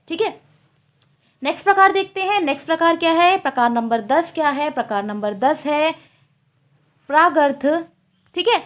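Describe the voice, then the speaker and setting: A woman teaching a Sanskrit exam-prep lecture, asking questions and repeating the answers. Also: high-pitched.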